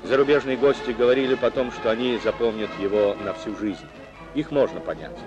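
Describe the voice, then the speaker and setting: A man's voice: medium pitch, brisk, dull audio. A man narrating an old newsreel in a formal, declamatory reporting manner. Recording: narration over loud music.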